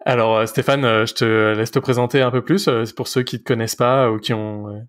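A man hosting a casual technical podcast interview, halting and heavy on fillers as he asks his questions. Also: mid-range voice, steady tone. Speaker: podcast host.

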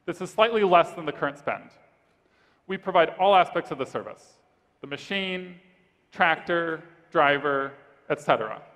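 A man pitching his startup on stage, then answering judges' questions in a steady, rehearsed way. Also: moderate pace. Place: large event hall stage. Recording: reverberant conference hall.

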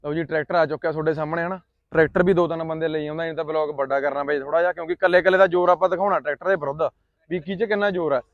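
A man's voice: a little high, fairly even intonation, very fast, no room sound, dull audio. A man with a Punjabi accent hosting a casual outdoor vlog, boisterously calling out commands and bantering. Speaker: vlog host. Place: outdoors in an open field.

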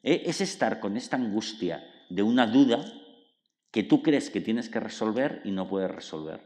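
A man's voice: on the low side, normal speed. Man explaining in a reverberant hall. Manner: lively explainer, acts out inner dialogues, tag questions. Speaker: author and psychologist. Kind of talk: public book talk. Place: cultural centre hall.

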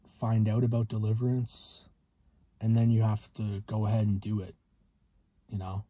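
A man in his twenties talking casually to camera in a hesitant, halting way, with a slightly husky voice, inside a car. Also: on the low side, little pitch movement, warm tone, no room sound. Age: 20s. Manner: hesitant, halting with long pauses. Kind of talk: casual vlog monologue.

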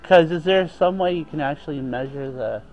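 A man's voice: a little high, moderate pace, darkish tone, lo-fi sound. Male vlogger customer, unsure, meandering questions, faint in-store music. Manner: hesitant, rambling questions. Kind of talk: casual chat. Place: large western wear store, indoors.

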